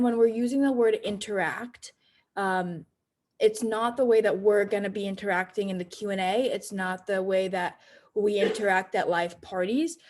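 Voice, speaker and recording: A woman's voice: medium pitch, darkish tone. An American woman from Cape Cod presents an informal online training talk as a sales consultant, in a conversational way that checks in with her listeners. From Cape Cod, United States.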